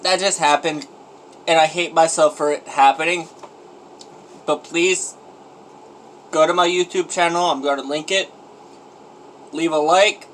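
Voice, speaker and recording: A man vlogging a gross eating challenge, his voice sitting a little high for a man. He moans, grumbles and over-dramatizes his suffering between bites. It is a casual phone recording at home with a faint hum of noise underneath. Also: steady tone, measured pace, pauses often, fairly bright tone, low-quality recording. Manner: groaning, self-pitying and exaggerated.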